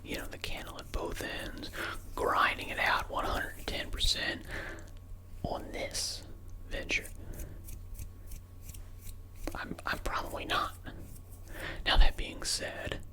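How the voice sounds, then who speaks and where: An ASMR creator whispering quickly in a candid, reflective ramble, entirely without voicing. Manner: fast, unvoiced whispering throughout.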